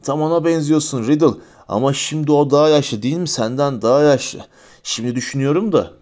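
A man reading an audiobook, voicing a drunken, filthy, hostile wizard with a low, slurred snarl. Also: a little fast, a little mellow, natural voice. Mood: muttering. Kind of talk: audiobook character voice.

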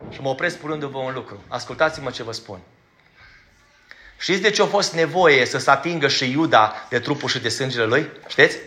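A man preaching a sermon in a church, emphatic and blunt, asking his congregation direct questions and sometimes stumbling over his words as he rushes. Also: mid-range voice, expressive, pushed and bright. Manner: stumbles when rushing.

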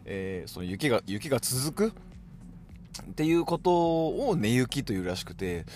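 A man's voice: mid-range voice, sing-song, moderate pace, a little mellow. A man with a Hokkaido accent hosting a casual solo podcast, chatting along and dropping in short affirmations. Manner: chatty, dotted with "hai" affirmations. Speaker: podcast host.

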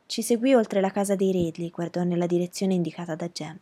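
A woman reading a novel aloud in a calm, measured, soft-spoken way. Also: on the low side. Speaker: audiobook reader.

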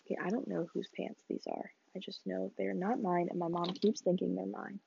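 A woman's voice: mid-range voice, steady tone, fairly quick, vocal fry, dark tone, slightly rough, muffled recording. Chatty rambling young woman, sniffly. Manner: chatty, rambling, laughs while talking. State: sniffly, coughing. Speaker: podcast host. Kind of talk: casual solo podcast chat. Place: small bedroom.

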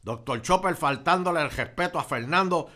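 A man's voice: on the high side, normal speed, sharp tone. A man with a Puerto Rican accent, co-hosting a podcast, reading viewer messages aloud and laughing often. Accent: Puerto Rican Spanish. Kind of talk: casual chat.

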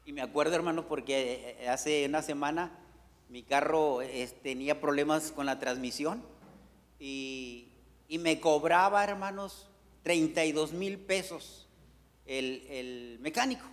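High-voiced guy pastor preaching hard, voice jumps all over, big hall echo. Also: unhurried. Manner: fervent preaching, frequent "hermanos", big pitch swings. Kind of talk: sermon. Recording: long reverb of a hall.

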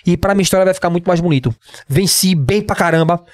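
A man in his twenties with a Northeastern Brazilian accent, telling his story as a podcast guest, slangy and animated, acting out what others said. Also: high voice, quick pace, dry recording. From Pernambuco, Brazil. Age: 20s. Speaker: guest, MMA fighter.

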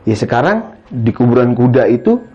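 A man's voice: medium pitch, sing-song, normal speed. A man, telling a story as a guest in casual talk, rambling and tagging his sentences with "gitu ya kan" and "Bang". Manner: rambling, keeps adding "gitu ya kan" and calling the listener "Bang". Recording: dull lo-fi sound.

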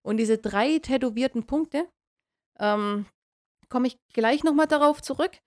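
A woman co-hosting a casual podcast, recapping a story with many fillers and frequent laughs. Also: high voice. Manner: lively, laughs often, halting fillers. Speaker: podcast co-host. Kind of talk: casual chat recapping a radio play episode.

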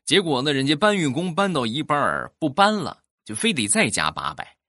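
Lively storytelling man. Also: fairly high pitch, a little fast, no echo, studio quality. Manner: animated, acts out voices. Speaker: comic storyteller. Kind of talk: comic anecdote monologue.

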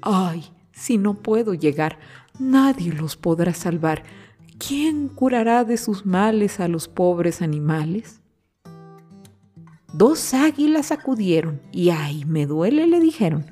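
A woman reads a rhyming children's tale aloud in a lilting, sing-song cadence. She takes her time over each line, and her voice is soft and mellow. Quiet music plays underneath. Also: mid-range voice, sing-song, takes it slowly. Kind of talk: storybook poem reading.

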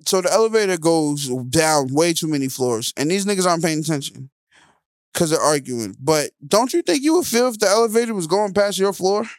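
A man co-hosting a movie review show, talking in loose, animated banter and acting out scenes as he recaps. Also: on the high side, a little fast, dry recording. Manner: animated, laughs loudly, acts out scenes. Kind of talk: casual banter.

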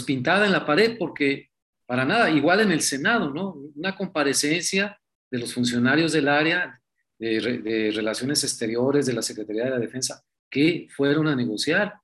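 A man's voice: medium pitch, lively intonation, normal speed, fairly bright tone. A man from Mexico giving casual political commentary, conversational and full of rhetorical questions.

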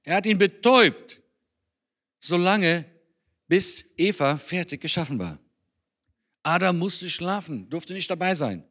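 A man's voice: high-pitched, animated, measured pace, pauses often, fairly bright tone, breathy edge. A German-born man giving an earnest, conversational sermon in a church. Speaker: speaker on Israel at a church.

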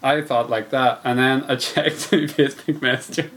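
A man's voice: medium pitch, steady tone, moderate pace, fairly bright tone. A man co-hosting a podcast, chatting casually and rambling, laughing often. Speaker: podcast co-host. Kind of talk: casual chat on a live stream.

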